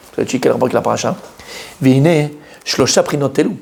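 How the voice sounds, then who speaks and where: A man, a rabbi, giving a Torah lesson to a live group. He talks in an animated, emphatic way, questions his listeners and repeats key words to drive them home. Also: medium pitch, fast talker, gravelly. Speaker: rabbi teaching a Torah class.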